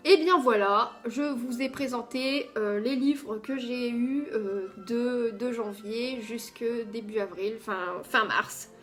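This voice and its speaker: A woman's voice: a little high, slow pace, hardly any pauses, soft background music. Chatty woman. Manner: chatty, with frequent hesitant fillers. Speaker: coloring book vlogger. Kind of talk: casual product haul video.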